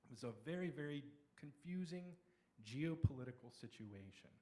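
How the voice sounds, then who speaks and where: Middle-aged lecturer, male, fairly high voice, talks through slides in a chatty, explaining way. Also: expressive, a little mellow. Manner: explanatory, conversational, with pauses and restarts. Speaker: local history speaker.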